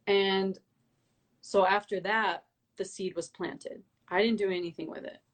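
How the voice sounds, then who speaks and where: A young woman guest, a breathwork coach, telling her story in a casual interview with many "like"s and animated retellings of her own thoughts. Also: mid-range voice, measured pace. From Albanian heritage.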